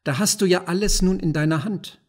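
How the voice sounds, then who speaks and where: A fond, quick-witted senator's wife from an old storybook, bright and gently scolding, as a male audiobook reader puts her on. Her voice is slightly husky and sits at a middle pitch. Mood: cheerful, teasing.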